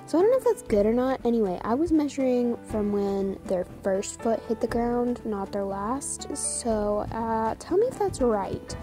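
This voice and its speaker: A woman's voice: on the high side, lively intonation, normal speed, hardly any pauses, music in the background. A teenage girl giving a casual, chatty vlog outdoors into a phone, with a bossy, giggly manner. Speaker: older sister vlogging, coaching siblings. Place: outdoors on a driveway. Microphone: phone held at arm's length.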